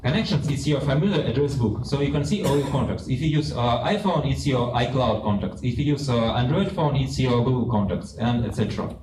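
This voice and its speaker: A young man from Russia with a strong Russian accent gives a live product presentation in halting, simple English. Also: medium pitch. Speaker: startup presenter. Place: large open office event space, indoors. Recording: echoey room, distant mic, clear noise.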